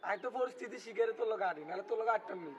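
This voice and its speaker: A man's voice: high-pitched, very fast, natural voice. A man playing a teasing, condescending young friend in a comedy skit, with a Noakhali Bengali accent. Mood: mocking. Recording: muffled lo-fi, crowd noise.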